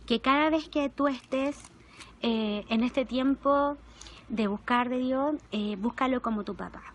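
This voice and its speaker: A young adult woman with a Chilean Spanish accent preaches at a measured pace in a high voice, over slight background noise. Her sermon is an intimate, emotional testimony that varies between soft and animated.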